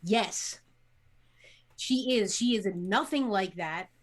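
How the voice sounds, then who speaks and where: Seething female vampire warrior, played by a woman, tabletop role-play, slow, mid-pitched, gritted-teeth restraint. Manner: speaking through gritted teeth.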